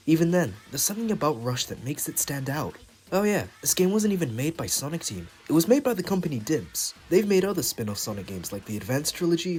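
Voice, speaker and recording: Hoarse, raspy young man, lively delivery. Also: fairly high pitch. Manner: enthusiastic, opinionated. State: sick, hoarse. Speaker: gaming video host. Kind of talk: scripted video essay narration.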